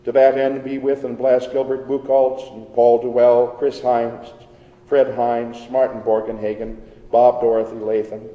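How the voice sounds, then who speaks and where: A pastor reading prayers in a measured, solemn way, his voice carried by a cathedral echo. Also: mid-range voice, dark tone. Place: large church. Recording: reverberant church hall with organ.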